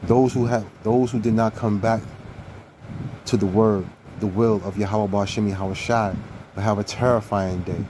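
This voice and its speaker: A man with a lowish, warm, mellow voice teaches from scripture in a preaching style. He is earnest and emphatic and circles back to repeat key phrases. A faint hum of noise sits under his voice. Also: fairly even intonation, moderate pace.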